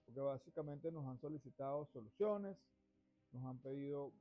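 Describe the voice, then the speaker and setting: A middle-aged Venezuelan man hosts a finance show, delivering a monologue to camera in a medium-pitched voice at a moderate pace. He talks at length, wandering discursively and restarting phrases, over dull lo-fi sound with faint music.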